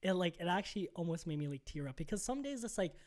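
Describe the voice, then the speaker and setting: A young man co-hosting a podcast, telling a story in casual chat, animated and full of "like" and "bro". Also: high-pitched, fast. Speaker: podcast co-host.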